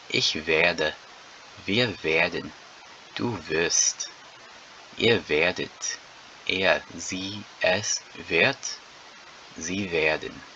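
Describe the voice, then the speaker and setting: A man teaching a lesson, drilling verb conjugations word by word and repeating each one deliberately, with an occasional slip. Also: low-pitched, sharp tone, muffled recording, a little hiss or hum. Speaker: language teacher.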